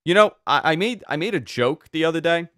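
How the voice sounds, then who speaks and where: A man hosting a podcast, telling stories in an animated way and repeating words when he gets excited. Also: fairly high pitch, fairly quick, no room sound, clean studio sound. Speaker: podcast host. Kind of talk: casual podcast chat.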